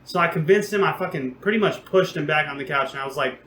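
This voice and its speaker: A man's voice: a little high, fast talker. Profane young man rambling through a story. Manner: rambling, profane, animated retelling. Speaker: podcast co-host. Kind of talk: casual storytelling. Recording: roomy echo, faint background noise.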